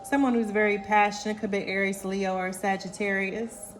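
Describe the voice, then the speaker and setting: Female oracle reader, playful and lively, faint background music. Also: medium pitch, normal speed. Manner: animated, playful, calls viewers honey and y'all. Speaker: intuitive oracle card reader. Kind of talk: casual tarot-style card reading.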